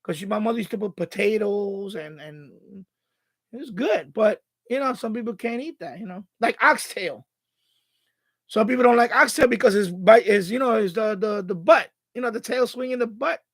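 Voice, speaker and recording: This live stream host, a man from the Bronx, New York City, USA, rambles conversationally, thinking aloud and saying things more than once. His high-pitched voice is a bit bright and moderately paced, captured on a dry recording.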